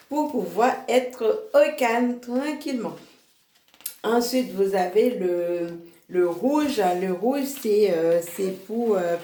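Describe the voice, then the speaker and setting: Slow, hesitant woman in an echoey room. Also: fairly low pitch, warm tone, a little hiss or hum. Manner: hesitant, many fillers and restarts, laughs at herself; slow, halting delivery. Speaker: product seller presenting her range. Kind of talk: casual product demo video.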